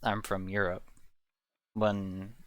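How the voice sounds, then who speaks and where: A young adult from Belgium who speaks Dutch natively rambles casually on a podcast, restarting often and swearing. The voice is low, slow and flat.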